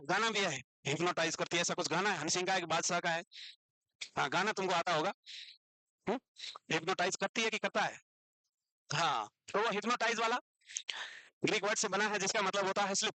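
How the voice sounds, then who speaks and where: High bright male teacher lecturing. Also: fairly quick, no echo, low-quality recording. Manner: quizzing, repeating questions to the class; scolding students. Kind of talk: classroom lecture.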